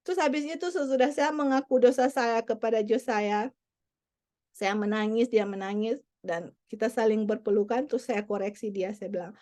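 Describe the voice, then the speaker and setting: High-voiced woman preaching earnestly. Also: fairly even intonation, normal speed, dark tone. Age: adult parent. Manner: mixes English phrases into teaching; earnest, repeats key points. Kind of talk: sermon.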